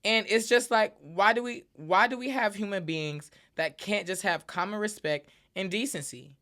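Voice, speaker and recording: Here a podcast host talks alone, casually and with emphasis, peppering her speech with repeated filler tags. She has a mid-range, slightly bright voice and speaks at a normal speed.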